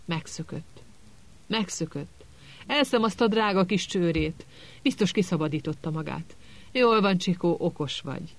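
Egy férfi hangján egy hebegő, meghatódott óriás vadőr. Szavai el-elakadnak az érzelemtől. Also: male voice, sits high, lively intonation. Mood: overjoyed. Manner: stammering, choked with emotion. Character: big soft-hearted gamekeeper, emotional.

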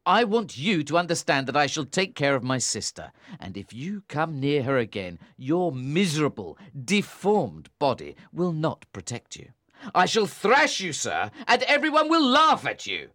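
A cold, scornful young man, read by a woman putting on a low voice in a storybook recording. He talks with a hard, commanding edge and swings widely in pitch. The sound is dry and close. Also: very animated, moderate pace, few pauses, fairly bright tone, no room sound, heavily acted. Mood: angry. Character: stern young man, cold and harsh brother.

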